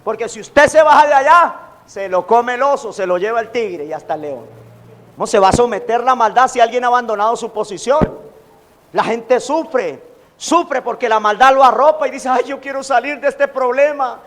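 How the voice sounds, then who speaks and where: Pastor guy preaching, really high voice, big echoey church hall. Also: normal speed. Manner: animated preaching, acting out quoted taunts. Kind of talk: sermon. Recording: long hall reverb.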